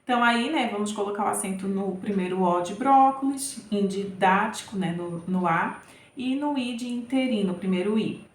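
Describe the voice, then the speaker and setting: A woman's voice: mid-range voice, moderate pace, reverberant. A woman Portuguese teacher patiently working through grammar exercises, checking in often with short tag questions.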